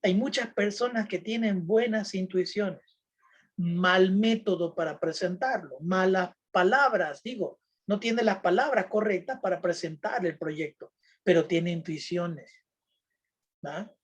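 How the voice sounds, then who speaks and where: A man's voice: sits high, measured pace, husky. A man giving a lecture on critical thinking to a religious group, checking in with his listeners through constant tag questions and plain everyday examples.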